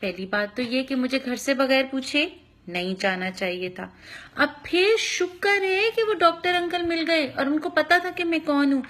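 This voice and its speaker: A woman, a mother, telling a story to her young children in an animated way, acting out sounds and asking them questions. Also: sits high, measured pace.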